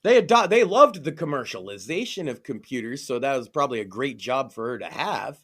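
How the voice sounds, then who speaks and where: A young man hosting a casual podcast chat, mocking and animated, often mimicking others in exaggerated voices. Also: mid-range voice, fairly quick. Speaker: podcast host.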